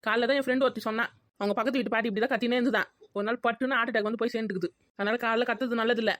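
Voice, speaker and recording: Cheeky quick-talking woman. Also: a little high, fairly even intonation, fairly bright tone, no room sound. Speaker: daughter-in-law in a family skit. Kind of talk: comic family skit acting.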